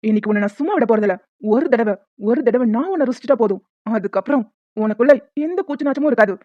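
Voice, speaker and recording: This cartoon dub has a woman playing a menacing loan shark, a brutal, lecherous man who speaks crudely and threateningly. The delivery is expressive, quick and slightly high. Audio comes through tinny and phone-like, with no echo from the room.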